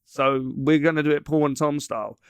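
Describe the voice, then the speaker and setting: A man's voice: fairly high pitch, steady tone, fairly quick, clear, resonant tone, dry recording. A man co-hosting a casual podcast, joking around and rambling with frequent restarts. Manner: joking, rambling, self-interrupting. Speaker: podcast co-host. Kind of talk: casual chat.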